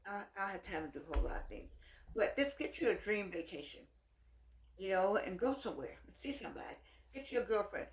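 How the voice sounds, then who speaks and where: A woman's voice: medium pitch, brisk. Lady with no teeth, sassy folksy chat, voice swings up and down a lot, roomy echo. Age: middle-aged. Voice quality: toothless, slightly soft articulation. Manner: animated, sassy, folksy, repeats phrases for emphasis. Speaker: vlogger. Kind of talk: casual chat, rambling advice to viewers. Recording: echoey room.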